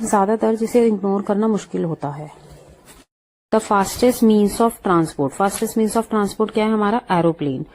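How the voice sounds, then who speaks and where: Woman, Indian accent, English teacher, mellow warm tone, steady word-by-word listing. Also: medium pitch, a little hiss or hum. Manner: lists words, glosses each in Hindi then English. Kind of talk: vocabulary lesson.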